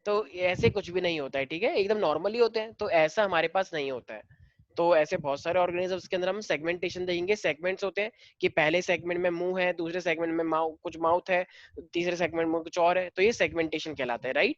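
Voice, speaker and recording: A man's voice: sits high, fairly even intonation, quick pace, no room sound. Dry lo-fi male classroom teacher. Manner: mixes Hindi and English, quizzes students, affectionate. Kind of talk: classroom lecture. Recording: dull lo-fi dry sound.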